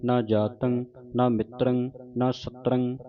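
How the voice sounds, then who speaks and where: A man with a Punjabi accent teaching scripture recitation, chanting it in a measured, syllable-by-syllable cadence and stopping to explain how words are pronounced. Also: mid-range voice, little pitch movement. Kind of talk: slow recitation lesson with pronunciation notes. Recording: dull lo-fi recording.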